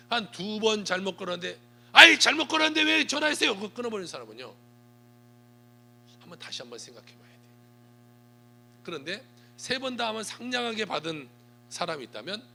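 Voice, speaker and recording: A man preaching a sermon as pastor, emphatic, slowing down for scripture. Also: mid-range voice, gravelly, bright, forceful tone, slight background noise.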